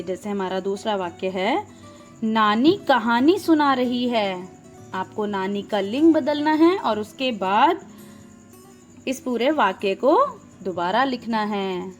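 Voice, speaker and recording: A woman teacher explaining a grammar exercise to young pupils step by step, asking questions and answering them herself. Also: fairly high pitch. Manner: patient, explains step by step and repeats key words. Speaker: school teacher.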